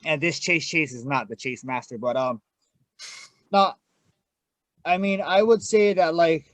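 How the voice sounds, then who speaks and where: A man's voice: a little high, unhurried. A plain-spoken man giving a candid personal testimony as a podcast guest in casual conversation. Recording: dull, echoey room sound.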